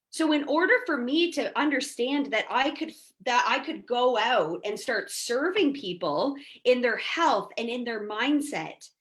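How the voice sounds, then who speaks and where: Female podcast guest, mindset coach; lively, talkative storyteller with a slightly high voice. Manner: chatty, animated storyteller, peppers speech with "like" and "right?". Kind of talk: casual podcast conversation.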